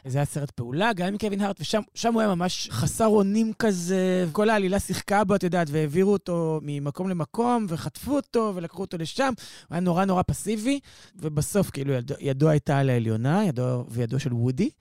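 A man hosting a podcast in casual chat, relaxed and conversational with fillers. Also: sits high, no echo, clean studio sound. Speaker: podcast host.

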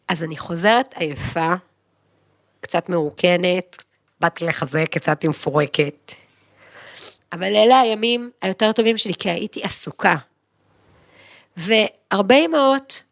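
A woman co-hosting a podcast, talking frankly in casual chat, mocking herself and launching into animated rants. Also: medium pitch, vocal fry, dry recording, studio quality. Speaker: podcast co-host. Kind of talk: candid conversational podcast chat.

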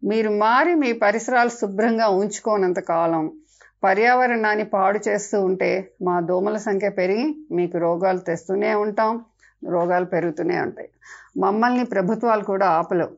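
A woman's voice: medium pitch, moderate pace, close to an everyday voice. Woman doing scolding mosquitoes, storybook style, muffled recording. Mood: threatening. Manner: lecturing, scolding. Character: swarm of cheeky preaching mosquitoes.

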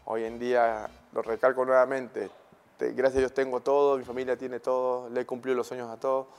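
A man in his thirties with a Peruvian Spanish accent, a guest telling stories in a relaxed, slangy way, often tagging his sentences with questions. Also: mid-range voice, fairly quick, smooth, soft background music. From Peru. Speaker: guest, former footballer. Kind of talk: casual interview storytelling.

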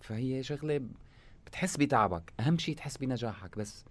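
A man's voice: mid-range voice, expressive, fairly quick. A man with a Syrian Arabic accent talking casually as a musician guest in an interview, telling things colloquially in short bursts.

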